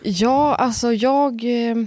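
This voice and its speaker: A woman in her thirties, a comedian guest, telling stories in a lively, casual way with lots of fillers. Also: on the high side, no echo. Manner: lively storytelling with frequent fillers and laughs. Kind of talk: casual podcast chat.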